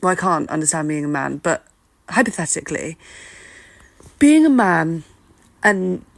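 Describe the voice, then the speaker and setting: A woman with a lowish voice and a lot of vocal fry gives her opinions in an informal solo podcast. She is candid and self-deprecating, often hesitating and rewording as she works out her thoughts. She records at home by simply talking into her phone. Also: sing-song, measured pace. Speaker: podcast host. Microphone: talking into a phone, no studio.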